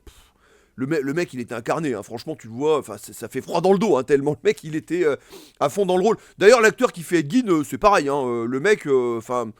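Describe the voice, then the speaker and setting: Guy chatting about movies, kinda high voice, lots of euhs and restarts. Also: no room sound, studio quality. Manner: rambling, many fillers and restarts. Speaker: film reviewer. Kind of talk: casual film review monologue.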